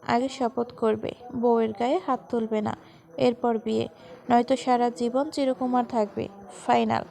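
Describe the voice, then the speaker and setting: A woman's voice: a little high, flat delivery, moderate pace, creaky, dark tone. A woman reading the lines of a bossy, scolding old grandmother in a storybook tale. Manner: scolding, firm.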